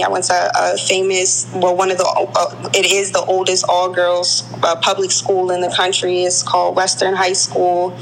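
A woman's voice: medium pitch, gravelly, a little hiss or hum, poor audio. A woman in her twenties from Baltimore, a podcast guest talking in a chatty way, full of "um" and "like" fillers. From Baltimore, Maryland. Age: 20s. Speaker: podcast guest, neon light artist. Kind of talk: casual interview chat.

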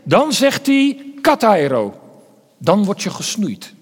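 A man's voice: sits high, expressive, unhurried. Earnest preacher man in a reverberant hall. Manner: earnest, repeats words, drops to hushed tones. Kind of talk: sermon.

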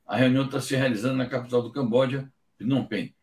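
A man giving measured, emphatic political commentary on a live stream, pausing often with hesitation fillers. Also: mid-range voice, steady tone, a little mellow. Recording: echoey, distant from the mic.

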